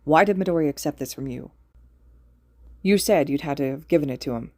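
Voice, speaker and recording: Brief: woman as a worn-out, sharp-tongued teacher, low and mumbled. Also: brisk, no room sound, close to an everyday voice. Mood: frustrated. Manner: blunt, swearing, mumbled. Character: exhausted, gruff male teacher.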